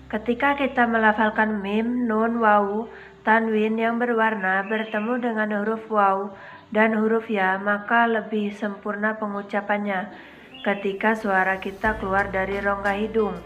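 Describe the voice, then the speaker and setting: A young woman from Indonesia giving a recitation lesson, drilling letter sounds slowly and carefully, syllable by syllable. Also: mid-range voice, flat delivery, fairly bright tone, faint music behind. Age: young adult. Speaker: student demonstrating Quran recitation.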